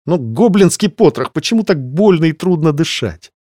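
A man's voice: a little high, lively intonation, moderate pace, warm tone, no room sound, studio quality, pitched above the performer's own voice. A man voicing an anxious young woman student who pleads and apologizes in a breathless way. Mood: hurt.

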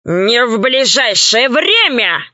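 A woman voicing a brutish, boastful male pirate chief who threatens and brags in drawn-out phrases, in a storybook reading. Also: high-pitched, expressive, pushed and bright, dry recording, heavily acted. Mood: threatening. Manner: gruff, bragging, drawn-out threats. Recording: slightly dull, dry recording.

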